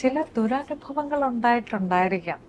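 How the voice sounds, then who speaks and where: Soft-spoken woman interviewer. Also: on the high side, expressive, normal speed. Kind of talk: interview questions and short responses.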